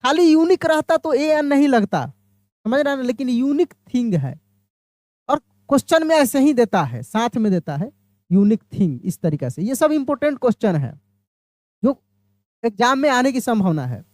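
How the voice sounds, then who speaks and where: With a high-pitched, slightly mellow voice and big pitch swings, an Indian woman leads an exam-prep grammar lesson. She explains each step, asks her audience questions before supplying the answers, and stretches out English example phrases slowly, all in clean studio sound without room echo.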